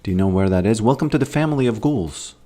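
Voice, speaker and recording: Streaming a game, this man from Latvia rambles and muses to his audience, pausing to greet chat. He speaks fast in a dark, lowish voice with lively intonation, and soft background music plays.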